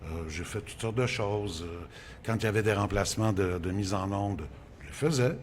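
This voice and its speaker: An older man with a Quebec French accent, a radio guest telling stories of his career in a casual, animated way. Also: fairly low pitch, normal speed, slight background noise. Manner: animated storytelling, exclamatory.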